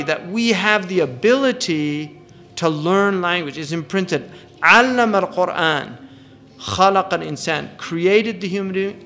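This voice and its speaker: Older man teaching, high voice. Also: a bit bright, a little hiss or hum. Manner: thoughtful, repeats words, recites verses. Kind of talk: lecture on religious text.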